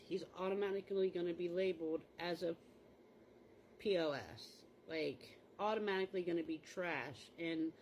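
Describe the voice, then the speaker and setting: A woman's voice: on the low side, slight background noise, rough recording. A mother talking candidly in a rambling, casual monologue, full of "like" fillers, while changing clothes.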